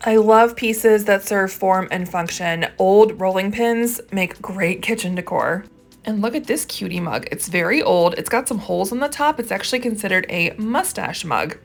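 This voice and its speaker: A woman's voice: mid-range voice, normal speed, creaky, faint music behind. A woman host narrating a casual thrifting vlog, gushing with enthusiasm over each find.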